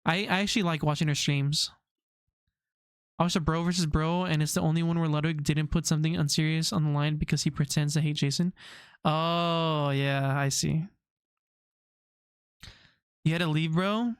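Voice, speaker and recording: A man's voice: a little high, fairly even intonation, moderate pace, pauses often, clean tone, no room sound, clean studio sound. A young man streaming, chatting casually with his viewers, rambling off on tangents and laughing often.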